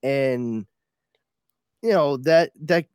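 A man's voice: medium pitch, very slow, a little mellow, clean tone, no room sound. A man with a middle-range voice chatting casually on a podcast. He is recorded close and dry, with no room sound. He sometimes acts out quoted lines with a raised voice. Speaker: podcast co-host. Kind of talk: casual comic book discussion.

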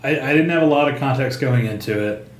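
Man, podcast co-host, casual comic chat, halting and hesitant, average pitch, echoey room. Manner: hesitant, halting, many fillers and restarts. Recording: roomy untreated room sound.

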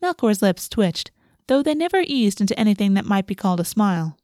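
A woman's voice: medium pitch, sing-song, fairly quick, darkish tone, no echo. Woman narrating fantasy fiction, dry sound. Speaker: audiobook narrator.

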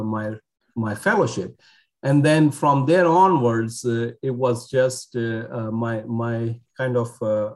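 Male physician guest from Pakistan, mid-low voice, halting delivery full of ums and restarts. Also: a little mellow. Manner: hesitant, many fillers and restarts. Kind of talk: podcast interview.

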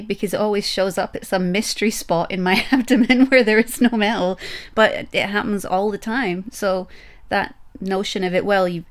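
Relaxed podcast co-host, woman with a lowish voice, chatty explainer. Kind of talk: casual chat.

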